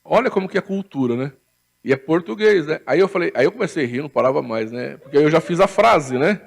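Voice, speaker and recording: A man's voice: on the high side, expressive, quick pace, gravelly. A Brazilian man preaching a sermon as pastor in a church, chatty and storytelling, often asking for agreement and laughing at his own anecdotes. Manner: conversational preaching, frequent tag questions, laughs at own stories.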